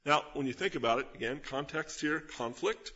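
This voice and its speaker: A man delivers an expository sermon in a husky, somewhat breathy voice. He teaches earnestly, stressing key words and asking rhetorical questions of his listeners. The recording sounds slightly dull and lo-fi. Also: fairly high pitch, moderate pace, bright, forceful tone. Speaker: pastor.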